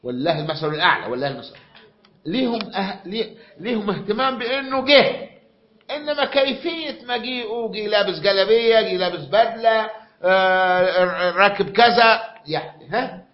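A man's voice: high voice, brisk. A man with an Egyptian accent giving a classroom lecture, often repeating himself and quizzing his students. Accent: Egyptian Arabic. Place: lecture room. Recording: dull lo-fi recording.

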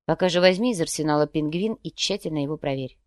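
A woman's voice: deep voice, quick pace, dry recording, clean studio sound, natural voice. Woman reading as a cold, detached commander.

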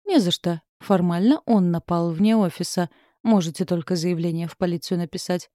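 A woman's voice: lowish voice, normal speed, mellow, dry recording, lightly acted. Woman voicing a curt male boss, irritable, audiobook, dry sound. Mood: irritated. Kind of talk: audiobook reading.

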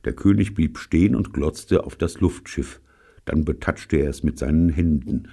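A man reading a children's novel aloud as narrator, in an expressive, characterful way. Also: very deep voice, slightly rough. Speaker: audiobook narrator. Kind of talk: storybook reading.

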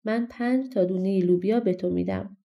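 A woman voicing a stooped little dwarf stranger in a storybook, speaking slowly and coaxingly. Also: mid-range voice, gravelly, mellow, close to an everyday voice. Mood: sly. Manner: slow, coaxing, persuasive.

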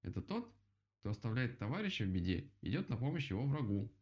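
A man voicing a grumpy, quick-tempered male rabbit in a children's story, whiny and irritable. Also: medium pitch, big pitch swings, a little mellow, lightly acted. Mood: whining. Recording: dull lo-fi recording.

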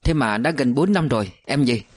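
A man voicing a soldier husband home from war who speaks softly and quietly. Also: mid-range voice, lively intonation, normal speed, close to an everyday voice. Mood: tender. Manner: soft, quiet.

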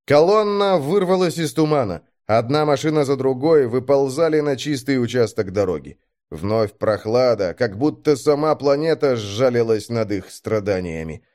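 A man's voice: mid-range voice, expressive, normal speed, a little mellow. Man narrating a tense audiobook.

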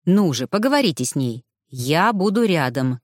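Calm low male mage, read by a woman. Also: moderate pace, dry recording, studio quality. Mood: calm persuasive. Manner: calm, coaxing, low-pitched.

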